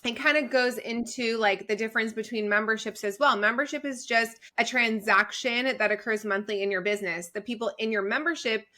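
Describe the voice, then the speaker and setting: Energetic woman podcast guest in her thirties. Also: on the high side, a little fast, hardly any pauses. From Israel. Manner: energetic, conversational, says "like" often. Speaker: guest, community founder. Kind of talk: podcast interview.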